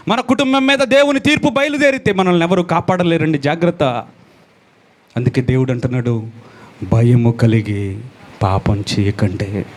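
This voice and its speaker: A male pastor preaching a sermon, swinging between loud exclamations and low, quiet lines and repeating phrases for emphasis.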